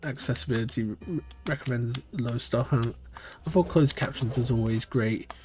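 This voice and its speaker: A man's voice: medium pitch, moderate pace, darkish tone, soft background music. Chatty British man streaming a speedrun. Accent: British, shifting between regions. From Britain. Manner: chatty, rambling, thinking aloud. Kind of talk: live-stream gameplay commentary.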